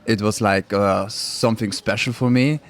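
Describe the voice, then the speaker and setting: Soft music plays behind a young man's fairly low voice, which moves at a normal speed. He's a guest cyclist on a radio show, Swiss-born with Croatian roots and a non-native English speaker, relaxed, quick to laugh, and simple in his phrasing.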